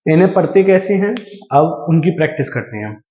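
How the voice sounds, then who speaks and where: A man teaching a language class, explaining slowly and deliberately and repeating key terms, with English phrases mixed in. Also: a little high, lively intonation. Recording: echoey room, dull lo-fi sound.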